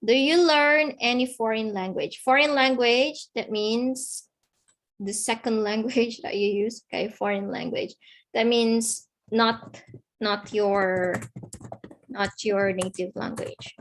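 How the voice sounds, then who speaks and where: A woman with a slightly high voice teaches an online lesson, and the audio quality is poor. She speaks slowly and patiently, repeating key words and checking in with "okay?" after each point.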